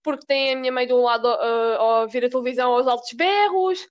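A teenage girl from Portugal with a European Portuguese accent, chatting casually and telling stories with lively mimicry. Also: high-pitched, fast talker, smooth, dull audio. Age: teens. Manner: animated storytelling, mimics voices in quotes. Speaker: student. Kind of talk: casual chat.

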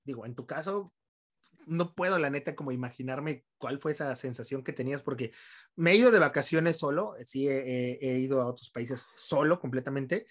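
A man with a Mexican accent hosting a podcast, talking in a relaxed, slangy casual chat. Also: a little high. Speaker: podcast host.

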